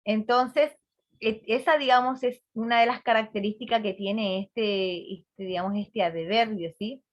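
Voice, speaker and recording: A woman's voice: fairly high pitch, fairly even intonation, measured pace, lo-fi sound. A woman teacher giving an online class on a video call, chatty, repeating words and quizzing her students.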